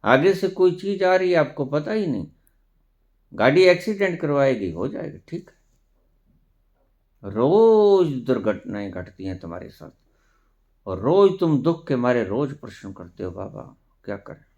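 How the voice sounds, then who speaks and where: Slow, animated male spiritual teacher. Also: on the high side, highs cut off. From India. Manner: slow, emphatic preaching with rhetorical questions; mixes in English phrases. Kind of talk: spiritual discourse.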